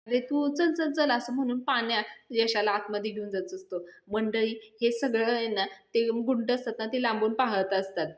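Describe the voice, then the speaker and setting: A woman retelling a TV serial episode, acting out each character's lines in a lively storyteller manner. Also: fairly high pitch, normal speed, few pauses, echoey room.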